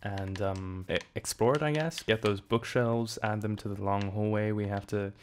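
A man's voice: fairly low pitch, steady tone, moderate pace, slight background noise. A man giving casual gameplay commentary, loose and chatty, drifting into reflective remarks. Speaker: gaming channel host.

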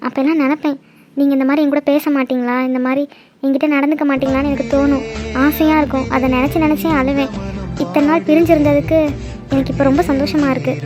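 A woman voicing a middle-aged village wife and mother in a cartoon drama, speaking gently and deferentially to her husband. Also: sits high, level tone, fast, over music, close to an everyday voice. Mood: pleading.

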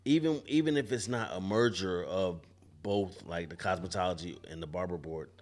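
In a barbershop event space indoors, a man in his forties who cuts hair joins a casual podcast panel, speaking into a mic on a boom arm. He has a low voice and a moderate pace, reflecting as he talks and frequently beginning his sentences again.

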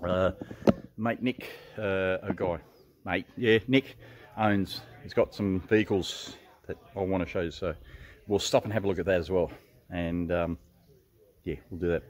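A man's voice: sits low, steady tone, a little slow. Rambling Australian man vlogging outdoors. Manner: rambling, with many ums and restarts. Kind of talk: casual road-trip vlog. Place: outdoors in a small country town street. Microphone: handheld camera at arm's length.

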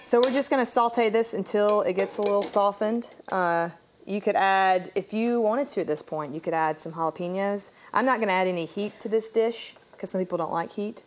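A woman's voice: medium pitch, moderate pace, slight background noise. Young woman demonstrating a chili recipe. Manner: relaxed, chatty, many "um"s while cooking. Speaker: cooking show guest cook. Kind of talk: casual cooking demonstration. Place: TV studio kitchen set. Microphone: lapel mic.

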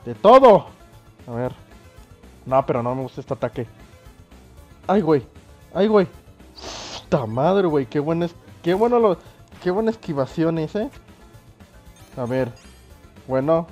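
Excitable Mexican gamer with a lively voice. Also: male voice, a little high. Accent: Mexican Spanish. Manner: excitable, swears and shouts at the game. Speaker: gaming YouTuber. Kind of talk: let's play commentary. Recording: dull lo-fi sound with faint game music.

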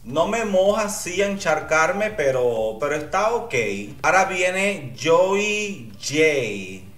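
Man, flamboyant and gushing, bawdy, somewhat high voice, roomy echo, faint music behind. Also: sing-song, takes it slowly, fairly bright tone. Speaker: drag queen reaction vlogger. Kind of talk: campy reaction commentary. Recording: echoey room, mic at a distance, faint music.

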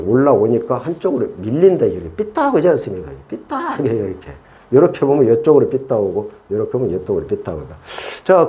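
Chatty man with a lively, mellow voice. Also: mid-range voice. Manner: chatty, repeats words, thinks aloud. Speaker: orchid-growing channel host. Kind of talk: casual hands-on gardening tutorial.

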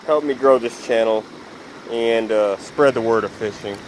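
A man's voice: mid-range voice, normal speed, slight background noise, low-quality recording. Chatty man filming a night fishing vlog. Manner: relaxed, chatty, talking to viewers while handling a fish. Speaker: fishing vlogger. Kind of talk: casual vlog narration. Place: outdoors at night on a rocky riverbank.

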